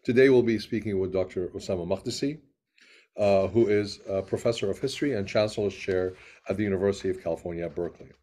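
A man with a low, dark voice hosts a video-call webinar, introducing and interviewing a guest. He talks quickly, with frequent "uh" fillers and restarts.

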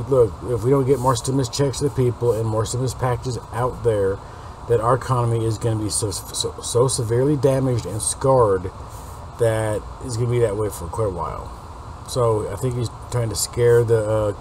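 Speaking to viewers through a webcam or laptop mic from his desk in an unfinished basement, a late-forties video host rambles informally through an update. His raspy smoker's voice is lowish and somewhat dark in tone, and the noisy recording has a hum underneath it.

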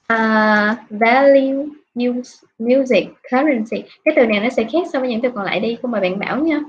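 A woman's voice: fairly high pitch, lively intonation, a little hiss or hum. A woman English teacher from Vietnam, patiently questioning students in an online class over a video call. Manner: patient, questioning, drawn-out prompts. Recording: dull lo-fi online class audio.

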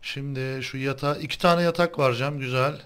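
An excitable young man with a Turkish accent, commentating a game. He talks casually and breaks into loud, repeated shouts when something happens. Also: mid-range voice, a little fast, clean tone. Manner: excitable, yells and repeats words in bursts. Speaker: gaming channel host.

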